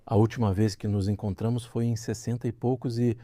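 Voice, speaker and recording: A man's voice: fairly low pitch, fairly even intonation, brisk, mellow, dry recording, studio quality. A man, a guest in an interview, recounts a personal story and acts out the quoted dialogue as he goes. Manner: vivid retelling, acting out quoted dialogue.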